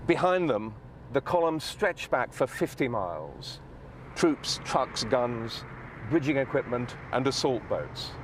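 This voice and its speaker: A man narrating a history documentary in a clear, expressive scripted delivery. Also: medium pitch, slow pace, slight background noise. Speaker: documentary presenter.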